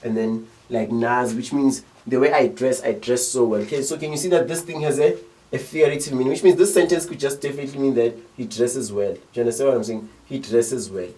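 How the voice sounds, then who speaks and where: A young man with a South African accent talks through a lesson casually, keeping listeners engaged with quick check-in questions. His voice sits at a middle pitch and sounds slightly distant from the microphone. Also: fairly even intonation, mellow. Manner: chatty, checks in often with rhetorical questions. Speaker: teacher.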